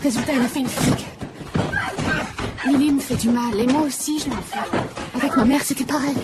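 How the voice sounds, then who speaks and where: Woman playing soft-spoken sad mum, high voice, music in the back. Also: fairly quick, close to an everyday voice. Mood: pained. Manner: soft, pleading. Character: torn adult mother, gentle and pained. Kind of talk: dubbed film acting. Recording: film soundtrack with loud music.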